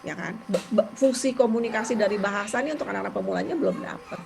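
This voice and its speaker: A woman talking casually and explaining therapy ideas as a parent, chatty and animated, with quick laughs. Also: medium pitch, vocal fry, noisy background.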